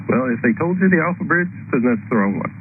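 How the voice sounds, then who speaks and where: Through a tinny radio link with faint noise, a man speaks at a medium pitch. He is a ground controller talking pilots through instructions over the radio, halting as he goes. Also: expressive. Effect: radio transmission. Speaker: air traffic ground controller.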